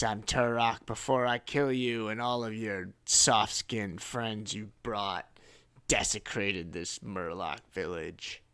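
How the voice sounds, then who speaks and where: Man voicing a monster chief, shouting, broken speech, harsh gravelly voice, sharp tone. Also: lowish voice, heavily acted. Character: huge brutish murloc chieftain, male, arrogant and menacing.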